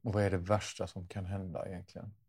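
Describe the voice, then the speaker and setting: Male podcast co-host, low voice, dry teasing. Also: flat delivery, a little mellow, breathy edge. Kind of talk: casual chat.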